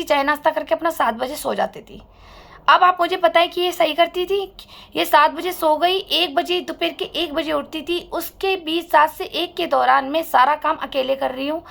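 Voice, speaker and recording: A woman's voice: high-pitched, gravelly, fairly bright tone. A woman recounting her own hard life story to listeners, aggrieved and bitter. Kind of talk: emotional personal testimony.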